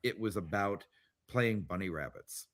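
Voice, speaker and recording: A man with a fairly low voice hosts a casual chat about tabletop games. He rambles along and often restarts his sentences, with plenty of ums and uhs. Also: expressive, unhurried, a bit bright. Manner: rambling, with many fillers and restarts. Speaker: podcast host.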